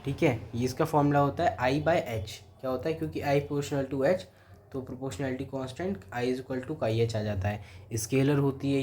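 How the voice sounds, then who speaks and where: A man's voice: medium pitch, darkish tone, slight background noise. A man with an Indian accent, teaching a physics revision lecture step by step and talking to students familiarly. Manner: explains step by step, addresses students as beta and bhai.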